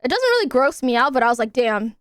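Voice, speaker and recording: A woman's voice: high voice, very animated, racing, a bit bright, clean tone, no echo, clean studio sound. A young woman streaming live, chatting casually and thanking her subscribers in an upbeat way while recovering from nose surgery.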